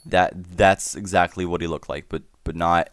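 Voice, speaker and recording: A Spanish-speaking teenage YouTuber tells a rambling, self-deprecating story while gaming, stammering often and restarting his sentences. His voice is deep and smooth, with a steady tone and moderate pace.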